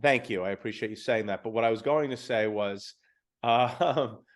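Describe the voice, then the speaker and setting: A man's voice: medium pitch, moderate pace. A man in his thirties co-hosting a music podcast, chatting casually with many fillers and self-deprecating asides. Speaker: podcast co-host. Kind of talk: casual chat.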